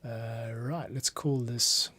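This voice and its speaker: A composer demonstrates his workflow in a casual livestream, muttering and thinking aloud as he goes. His mid-range voice is sharp and fairly even, and he takes his time. The room is clearly noisy, with typing, keyboard clicks and other background noise.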